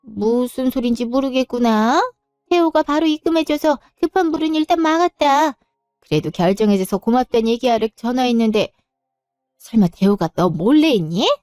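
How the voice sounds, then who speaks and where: A woman's voice: a little high, lively intonation, moderate pace, a little mellow, clear, resonant tone, no echo, studio quality, soft background music, lightly acted. A woman doing a scolding mother-in-law. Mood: puzzled, calm. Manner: scolding, talks down. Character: middle-aged mother-in-law, reproachful and pushy.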